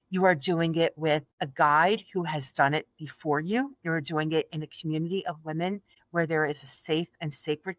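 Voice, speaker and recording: Earnest and encouraging, the middle-aged woman from Philadelphia talks in a low-pitched, soothing voice during a podcast interview, recorded as dull, dry lo-fi audio with no room sound.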